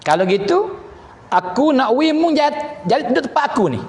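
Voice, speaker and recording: A man acts out a proud foreign king who bargains and threatens, speaking with a Patani Malay accent. The voice sits high and commanding. It rings with the long reverb of an echoey hall. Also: big pitch swings, normal speed, exaggerated voice. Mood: menacing.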